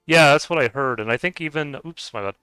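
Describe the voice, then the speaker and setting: A man with a fast, fairly high voice, pushed and bright yet smooth, streams a game and chats casually. He stumbles over names, hesitating and chuckling. The recording is dry and close-miked, faint music playing behind.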